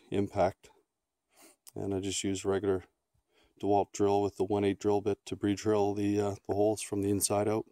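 A middle-aged man with a fairly low voice talks through a do-it-yourself project outdoors in a casual, halting way, full of ums and restarts. The sound is dry and close, with little room around it. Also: warm tone, no room sound. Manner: halting, many ums and restarts, plain-spoken. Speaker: outdoor vlogger. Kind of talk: casual how-to walkthrough. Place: outdoors on a grassy lawn beside a canoe.

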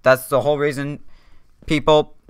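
A young man vlogging from a dark room at home into a desk mic, rambling, joking and correcting himself constantly. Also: a little high, level tone, moderate pace, clean tone, no echo. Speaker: YouTuber. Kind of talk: rambling self-deprecating vlog.

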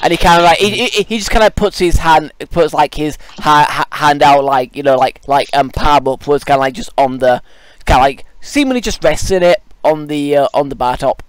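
A man narrating a tabletop game as game master, improvising haltingly and often repeating words. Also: a little high, clear, resonant tone.

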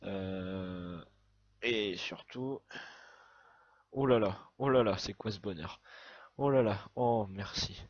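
Husky-voiced man in excitable game commentary. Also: on the low side, moderate pace, dry recording, highs cut off. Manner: excitable, swearing, chatty running commentary. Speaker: gaming video host. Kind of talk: let's play commentary.

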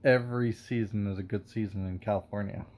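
A man's voice: on the low side, fairly even intonation, brisk, a little mellow. A man vlogging, rambling and getting heated, with many fillers and curses. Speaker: wine reviewer and vlogger. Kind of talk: casual rant to camera.

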